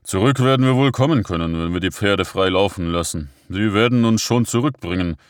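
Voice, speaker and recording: A man voicing a huge, sullen sleigh driver who answers in a gruff, sluggish way. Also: lowish voice, fairly quick, no room sound, clean studio sound, close to an everyday voice. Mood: grumbling.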